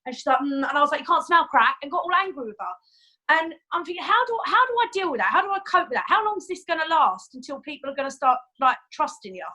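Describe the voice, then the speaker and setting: A woman's voice: high-pitched, sing-song, quick pace, pushed and bright, poor audio. A woman with an English accent, a former client on a video call, asking her question hesitantly with many fillers and rising agitation.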